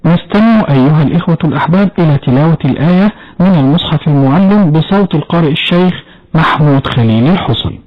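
High, brisk male radio lesson host. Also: lively intonation. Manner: brisk, prompting questions. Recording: dull lo-fi radio recording.

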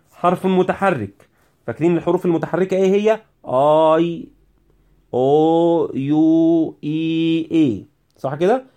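An Egyptian teacher with a somewhat high-pitched voice walks students through English spelling rules. He repeats himself often, keeps asking whether they follow, and urges them to stay focused. It sounds like a recorded lesson. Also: darkish tone. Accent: Egyptian Arabic. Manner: repetitive, checks understanding with "right?".

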